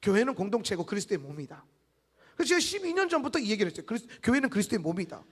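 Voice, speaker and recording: A middle-aged man preaches a sermon in a high-pitched voice. He shifts from loud exclamations to soft, confiding asides and acts out the people he quotes in small voices. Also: big pitch swings, racing, slightly rough, in a large hall. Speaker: guest pastor.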